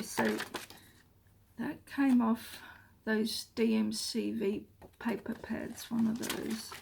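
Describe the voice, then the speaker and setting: A woman, chatting casually as she shows her craft journal, rambling and often trailing into soft murmurs. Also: a little high, vocal fry. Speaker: craft vlogger. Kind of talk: casual show-and-tell. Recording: noisy room with paper crinkling.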